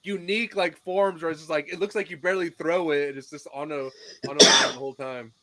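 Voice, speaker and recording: A man's voice: fairly high pitch, fast talker, a loud crowd. A man in his thirties hosting a casual chat show, upbeat and enthusiastic as he wraps things up. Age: 30s. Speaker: podcast host.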